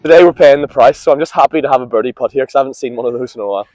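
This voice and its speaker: A man's voice: medium pitch, racing, heavy background noise. A young man chatting casually and commenting on his golf round outdoors, sounding hungover and short of sleep. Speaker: golf vlogger. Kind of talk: casual chat and on-course commentary.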